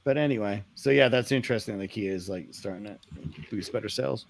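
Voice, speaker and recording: A man's voice: fairly low pitch, quick pace, gravelly. A man co-hosting a casual car podcast, wry and opinionated, often trailing off. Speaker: podcast co-host.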